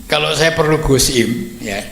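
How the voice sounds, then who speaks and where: Older man, bright and fairly high voice, laughing storyteller, echoey room with faint hiss. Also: measured pace, gravelly. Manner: chuckling, animated in quoted dialogue. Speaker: guest speaker. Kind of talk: anecdotal storytelling.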